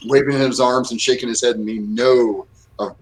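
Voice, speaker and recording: A man's voice: medium pitch, steady tone, fairly quick, a little hiss or hum. A man chatting casually as a player in a tabletop game.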